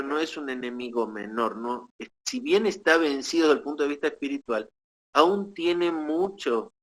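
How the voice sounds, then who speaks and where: A man preaching as pastor, teaching in a measured way with pauses and short tag questions to the congregation. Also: medium pitch, fairly bright tone, low-quality recording. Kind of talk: sermon.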